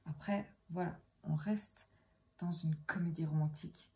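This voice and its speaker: Woman tarot reader, low and gravelly, thinks aloud and drifts into whispers, faint hiss behind. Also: steady tone, a little slow, dark tone. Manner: musing, often slips into a whisper. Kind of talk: tarot reading.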